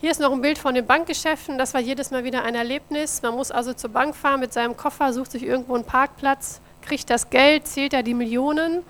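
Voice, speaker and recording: At a church mission report with slides, a German mission office coordinator talks to the audience directly in a friendly way. She has a high, fairly bright voice with fairly even intonation, and she speaks fairly quickly with few pauses.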